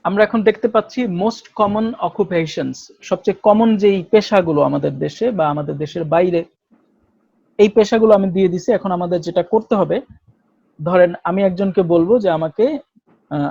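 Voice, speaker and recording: A Bangladeshi man teaching a spoken English class, explaining slowly and switching between Bengali and English examples. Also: high voice, gravelly, dark tone, dry recording. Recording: dull, dry lo-fi recording.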